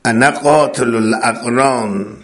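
A man gives a religious sermon with a steady, mid-range voice. He declaims each point emphatically, recites Arabic phrases and explains them, and repeats key words for stress. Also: mid-range voice. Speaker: preacher.

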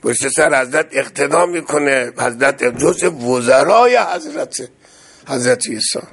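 Male preacher, fervent sermon delivery, raspy voice with a lot of grit. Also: mid-range voice, expressive, a bit bright. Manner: impassioned, rising to emphatic outbursts. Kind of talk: religious sermon.

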